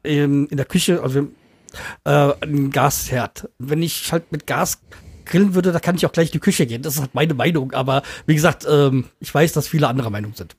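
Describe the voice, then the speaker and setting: A man's voice: a little high, fairly quick, husky, dry recording. A man in a casual podcast chat, hesitant, repeating himself as he gives his opinions.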